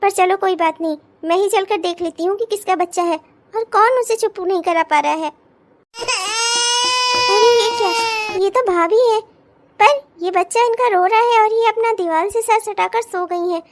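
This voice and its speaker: A woman's voice: very high-pitched, normal speed, a little hiss or hum. A woman voicing a headstrong young bride in a cartoon, speaking bluntly and defiantly. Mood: puzzled. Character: headstrong young bride refusing her new marriage. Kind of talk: cartoon voice acting.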